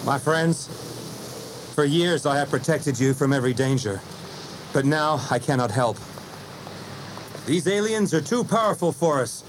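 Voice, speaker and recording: A man's voice: high-pitched, expressive, moderate pace, hardly any pauses, slight background noise, voice pushed up, rough recording. A man voicing an earnest superhero who speaks solemnly. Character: heroic male superhero, earnest and grave.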